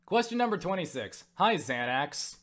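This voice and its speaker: In a laid-back vlog, a young man fields questions from viewers in a high-pitched voice at a moderate pace. He wanders through his answers with many fillers and restarts, swearing casually and livening up when excited.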